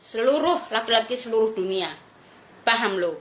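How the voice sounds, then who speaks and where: A woman's voice: on the high side, expressive, normal speed, a bit bright, echoey room. A woman vlogger delivering a blunt, crude, confrontational rant to her viewers. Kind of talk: ranting monologue to viewers.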